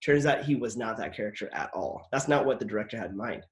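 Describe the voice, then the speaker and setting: This podcast host and actor speaks fast, with a lowish, animated voice. On his casual interview show he tells loose, meandering stories about acting jobs, constantly saying "like" and starting over mid-thought.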